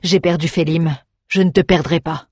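A woman's voice: deep voice, fairly even intonation, normal speed, darkish tone, breathy edge, no room sound, clean studio sound. A woman reader voicing a protective grown man who speaks firmly and resolutely. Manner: firm, resolute.

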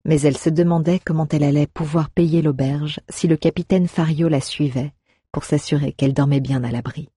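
A woman narrates an audiobook with an expressive, storytelling delivery. Her voice is somewhat husky, and the recording is dry and close. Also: low-pitched, no room sound.

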